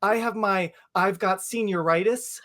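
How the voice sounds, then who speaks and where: A man's voice: sits high, unhurried, very noisy. American guy in his 30s hosting a podcast, playful and campy, mid-range voice. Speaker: podcast host. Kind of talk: upbeat podcast intro and casual chat.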